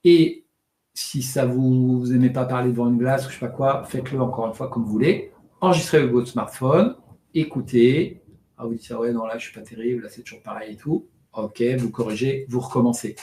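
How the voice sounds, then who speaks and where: A man coaching public speaking in a live online session. He jumps between his normal voice and exaggerated demonstrations, now shouting, now rushing, now flat. He talks fast and swallows some words, and the room gives off a noticeable echo. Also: medium pitch. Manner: demonstrative, exaggerates loud, fast and monotone delivery for effect.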